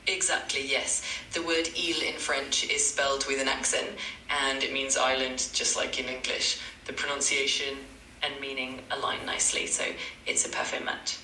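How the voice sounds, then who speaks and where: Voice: medium pitch, level tone, moderate pace, pushed and bright, roomy sound, far from the mic, a little hiss or hum, poor audio. A synthetic AI language tutor voice, polite and eager to please, repeating stock phrases. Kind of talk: chatbot tutoring replies.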